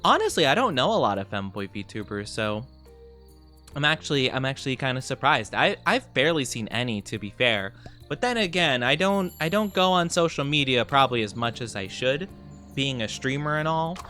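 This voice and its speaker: A man's voice: mid-range voice, expressive, moderate pace, pushed and bright, soft background music. A man hosting a livestream as a VTuber, chatting casually while he plays a game, with effusive, gushing greetings and a cutesy, cooing way of talking. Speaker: VTuber streamer host.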